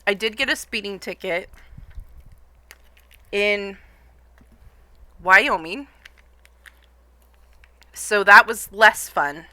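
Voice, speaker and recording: A woman's voice: medium pitch, extremely slow, long pauses, bright, forceful tone, no echo. A young woman streaming live, casually telling a long story to her chat, rambling with lots of fillers and frequent laughs.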